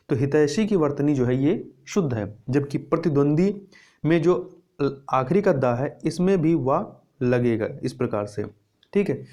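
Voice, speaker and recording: A young man talks through exam answers as a Hindi grammar teacher, with a mellow, darker tone set a little high. He repeats key words and asks himself questions before answering them. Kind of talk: explaining test answers.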